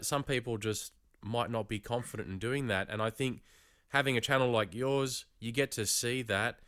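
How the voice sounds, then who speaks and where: A man hosting a casual interview in an encouraging, conversational way with a smooth, clear voice. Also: on the low side, a bit bright, no room sound, clean studio sound. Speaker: host interviewing a YouTuber.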